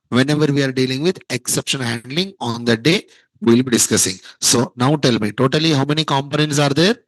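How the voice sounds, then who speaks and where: A man's voice: a little high, fairly bright tone, no echo, poor audio. A man teaching a programming class, quizzing students and repeating key terms. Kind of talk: classroom lecture.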